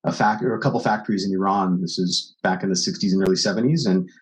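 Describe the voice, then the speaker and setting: This low-voiced man talks at a quick clip. He's a Canadian podcast guest in his forties who rambles through his stories and leans heavily on filler words, keeping things conversational.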